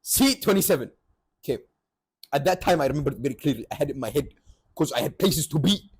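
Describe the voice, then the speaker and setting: A man's voice: medium pitch, animated, fast, a little mellow, husky. A young man telling a comic story on his vlog, sarcastic and exaggerated, at times rising to mock outrage. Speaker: vlogger. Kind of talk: comedic storytelling.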